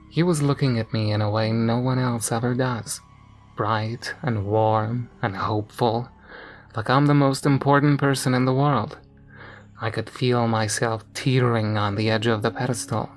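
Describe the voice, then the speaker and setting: Brief: male narrator for a creepypasta reading, measured scripted delivery, mid-range voice, soft music underneath. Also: mid-range voice. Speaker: horror story narrator. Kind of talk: scripted first-person horror narration. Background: faint background music.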